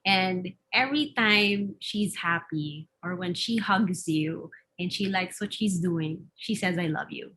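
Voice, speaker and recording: A Filipino woman, a radio host and mother, chatting as an interview guest in an animated storytelling way with a Filipino accent, mixing in Tagalog. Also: lowish voice, takes it slowly, hardly any pauses. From Philippines. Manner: animated storytelling, acts out her kids' voices. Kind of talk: casual interview chat.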